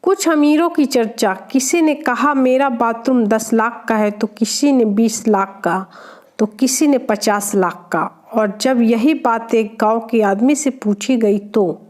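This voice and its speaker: A woman reading out a string of short jokes, narrating evenly and dropping her voice lower for the male characters. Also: slow, darkish tone. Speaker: joke reader. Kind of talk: reading Hindi jokes aloud.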